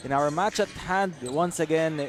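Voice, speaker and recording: A man's voice: on the high side, normal speed. A man with a Filipino accent hosting a sports broadcast in a polished, formal presenter style. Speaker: play-by-play host.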